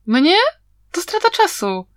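A woman reading an audiobook, voicing a clever, playful young man who talks in a teasing, lively way. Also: high-pitched, takes it slowly, dry recording, voice pushed up, exaggerated voice.

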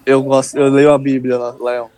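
A man's voice: mid-range voice, little pitch movement, moderate pace, dark tone. A man as a guest on a casual podcast, speaking informally and often stumbling over and repeating words. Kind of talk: casual interview chat.

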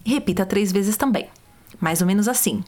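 A woman, calmly guiding listeners step by step through vocal warm-up exercises. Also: mid-range voice, normal speed, a little hiss or hum. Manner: calm, step-by-step, demonstrates sounds. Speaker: voice coach. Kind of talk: guided vocal warm-up instructions.

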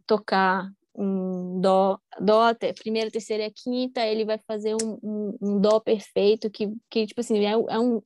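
A woman's voice: medium pitch, darkish tone, dry recording. A woman, talking casually as a musician guest, rambling with many fillers and restarts. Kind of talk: casual conversation.

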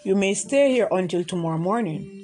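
A woman doing a gruff, kindly old sailor. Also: medium pitch, lively intonation, brisk, warm tone, soft background music, close to an everyday voice. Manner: gruff yet kind. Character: lonely old male sailor, gruff yet kind.

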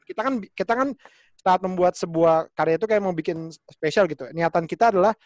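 A man speaks in a somewhat high voice, working his thoughts out slowly with lots of hesitation. The sound is dry and close, with no echo. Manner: hesitant, many fillers and restarts while thinking aloud. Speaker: stand-up comedian. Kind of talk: casual panel chat.

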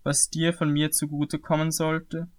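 A calm, authoritative teacher, measured and earnest, as a man reads him aloud. The voice sits a little higher than usual for a man. It sounds like scripted scripture reading. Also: natural voice. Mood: stern.

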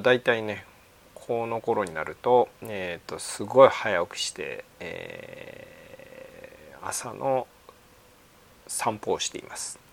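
An older man hosting a radio segment, talking off the cuff and haltingly, thinking aloud. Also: deep voice, gravelly, slight background noise. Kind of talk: unscripted radio monologue.

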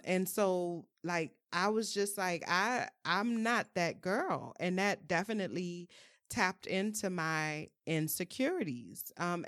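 A woman from New Orleans with a lowish voice talks openly and frankly in a personal conversation, saying "um" and "you know" a lot. The recording is studio quality with no echo.

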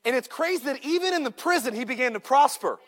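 High-voiced joking preacher man. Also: lively intonation, fast talker, fairly bright tone. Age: 30s. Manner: joking, punchy preaching with call-outs to the crowd. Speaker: pastor. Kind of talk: sermon.

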